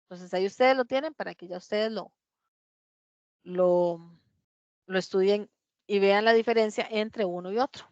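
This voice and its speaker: A woman teaching a class, explaining patiently, sounding out words slowly and clearly, and often checking that her students follow. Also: mid-range voice, darkish tone, no echo, highs cut off. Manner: often checks understanding with tag questions. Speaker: English teacher. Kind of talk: classroom lesson.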